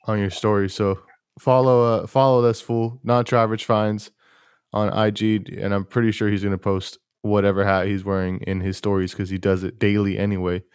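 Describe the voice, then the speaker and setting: Laid-back low-voiced male podcast host. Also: fairly quick, clear, resonant tone, no room sound, studio quality. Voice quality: self-described monotone voice. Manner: laid-back, rambling, with frequent fillers. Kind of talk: casual podcast chat.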